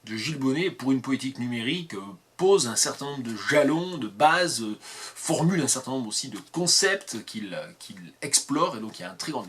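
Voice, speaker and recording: A man with a southwestern French Landes accent talks to camera without a script, at a middling pitch for a man. He thinks out loud and wanders off on side paths. He pokes fun at himself as he goes. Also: husky. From southern Landes, France. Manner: digressive, self-mocking, thinking aloud. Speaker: academic video blogger. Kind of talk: improvised talk to camera.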